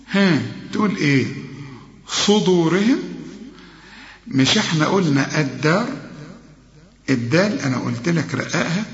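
A man with an Egyptian accent teaching Quran recitation, explaining rules step by step and chanting slow, drawn-out examples while quizzing his student. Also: a little high. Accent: Egyptian Arabic. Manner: talks straight to the student, correcting and quizzing. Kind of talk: tajweed lesson. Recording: echoey hall, dull lo-fi sound.

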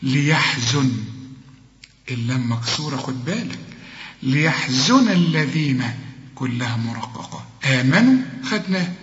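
A man with an Egyptian accent teaching Quran recitation rules, saying each word slowly and then explaining and correcting. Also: medium pitch, lively intonation, fairly bright tone, a little hiss or hum. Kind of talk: tajweed lesson. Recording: echoey room with long reverb, dull lo-fi sound.

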